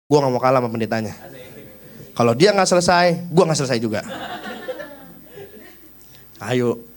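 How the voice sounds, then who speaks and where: A man's voice: medium pitch, expressive, moderate pace. A young adult man with a Jakarta accent preaching a sermon, talking casually in slang and telling stories from his own life. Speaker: youth pastor. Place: church service.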